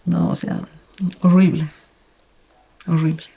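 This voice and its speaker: A woman recalling a painful memory in a documentary interview, talking in a subdued, halting way. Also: fairly low pitch, flat delivery, gravelly, mellow, husky. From Bolivia. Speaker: interviewee, daughter.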